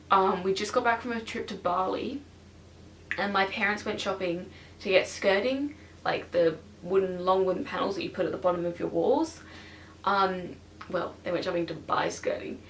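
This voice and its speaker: Teenage girl, vlog chat, excitable, lots of fillers, echoey bedroom, a little far from the camera. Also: mid-range voice, a little hiss or hum. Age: teens. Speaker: vlogger. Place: her bedroom. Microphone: stationary camera. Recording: roomy and distant from the camera.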